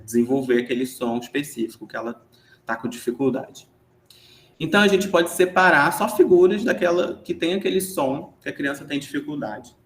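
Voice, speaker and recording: A man's voice: mid-range voice, a bit bright, roomy sound. A man with a Brazilian Portuguese accent giving an explanatory online lesson, chatty and full of tag questions. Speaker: teacher giving an online class.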